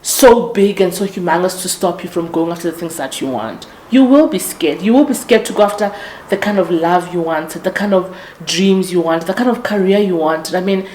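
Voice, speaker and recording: At normal speed, a podcast host in her late twenties talks through a casual motivational monologue in a low-ish, darkish voice. Earnest and reflective, she restarts and corrects herself frequently. The recording is rough and the room echoey.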